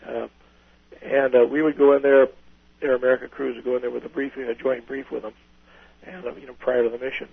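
A man's voice: medium pitch, little pitch movement, quick pace, vocal fry, husky, narrow, tinny audio. An older man, a retired pilot, telling folksy, rambling stories in an oral history interview, restarting his sentences often.

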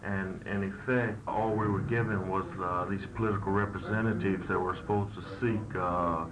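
Low-voiced man on hissy old tape. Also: steady tone. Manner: halting, with many "uh" fillers. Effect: old worn archival tape. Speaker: political party leader being interviewed. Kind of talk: earnest political statement.

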